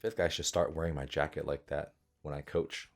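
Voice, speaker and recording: A man, an animator, giving relaxed, chatty reaction commentary on a desktop microphone and musing aloud. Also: very deep voice, brisk. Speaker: animator reacting to anime footage. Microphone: desktop USB microphone.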